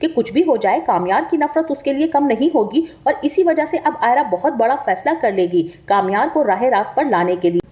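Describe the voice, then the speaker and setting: A woman with a high voice narrates a drama review. She tells the coming plot steadily, like a prepared script, and repeats what the characters will say in the same plain tone without acting them out. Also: expressive, a little fast, hardly any pauses, warm tone.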